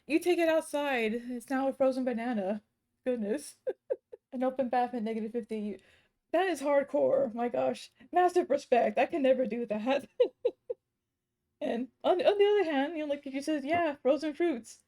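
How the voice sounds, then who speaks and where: A woman's voice: high-pitched, animated, normal speed, dark tone. A woman giving casual live reaction commentary, exclamatory and giggly, as a livestreamer. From Alaska, United States. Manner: exclamatory, giggly, full of interjections.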